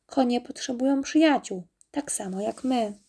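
Woman reader doing a gentle storybook farmer; husky and mellow. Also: fairly high pitch, normal speed. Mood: concerned. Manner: gentle, concerned. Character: kindly adult male farmer.

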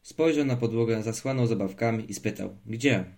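A man narrating a children's audiobook in a calm, measured reading. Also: fairly low pitch. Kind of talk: scripted narration of a children's story.

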